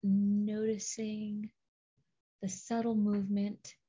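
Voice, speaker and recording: A woman leads a guided meditation very slowly, with long pauses. Her voice is soft, breathy and mellow, soothing throughout. The audio is slightly dull and lo-fi. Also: mid-range voice, completely flat delivery. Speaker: show host leading a guided meditation.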